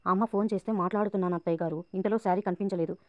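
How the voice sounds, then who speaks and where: A woman's voice: medium pitch, fairly even intonation, very fast, no room sound, phone-quality sound, close to an everyday voice. Earnest young wife, read by a woman narrator. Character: earnest young wife defending her sister.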